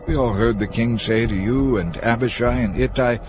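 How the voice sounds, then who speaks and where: A man's voice: medium pitch, normal speed, over music, close to an everyday voice. A man voicing a loyal soldier who firmly refuses an order. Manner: firm and earnest.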